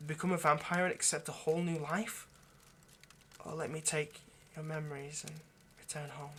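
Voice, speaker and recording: Tender and grave, a man speaks as an earnest, lovestruck male vampire coaxing his partner in an intimate roleplay monologue, hesitant and stammering but gently persuasive. His voice is a little high with little pitch movement and a moderate pace. A little hiss or hum is audible.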